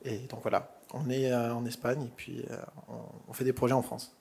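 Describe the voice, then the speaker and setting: A man introduces himself on a panel, halting with many fillers. His voice is mellow and dark and stays flat in pitch. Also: creaky, a little hiss or hum. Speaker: architect, panel guest.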